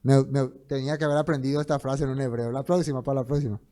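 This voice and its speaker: A man teaching a Bible study in sermon style, emphatic, with loud stresses that fall to soft trailing phrases, slowing down to read scripture. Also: mid-range voice, little pitch movement. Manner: slows down to read scripture aloud.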